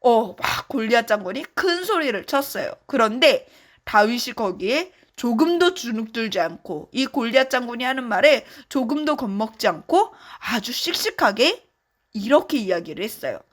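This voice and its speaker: Animated woman telling kids a Bible story. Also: fairly high pitch, moderate pace. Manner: animated, friendly, addressing children. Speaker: children's ministry teacher. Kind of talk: children's sermon storytelling.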